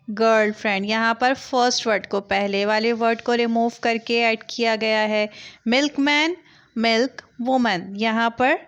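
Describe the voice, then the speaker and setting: A woman's voice: a little high, fairly bright tone. A young woman teaching an English grammar lesson, explaining patiently with many examples and mixing Hindi with English words.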